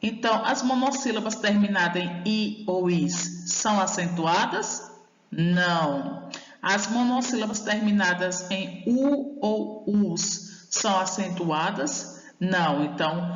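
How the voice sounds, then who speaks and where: A Brazilian Portuguese woman teacher speaks very slowly and deliberately, stretching each word out for young pupils. Her voice carries a long, echoing room reverb, and the sound is dull and muffled. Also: medium pitch, a little hiss or hum. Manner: slow, deliberate, sounding out words one by one; affectionate toward young pupils. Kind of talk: recorded primary-school video lesson. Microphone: voice-over off camera.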